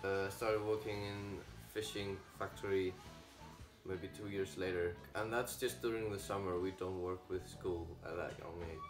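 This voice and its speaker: Teen male interviewee from Iceland, low voice, rambling casual answers, roomy echo. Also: steady tone, normal speed, over music. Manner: rambling, with many likes.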